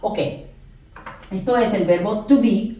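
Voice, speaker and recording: A woman teaching a class, explaining grammar at a board and slowly drawing out example phrases for emphasis. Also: mid-range voice, mellow, distant mic. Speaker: English teacher. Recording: very echoey room, voice off-mic.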